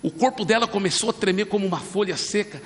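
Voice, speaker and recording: A man's voice: sits high, fast talker, big-room sound. A man pastor telling a dramatic sermon story and acting out the voices in it.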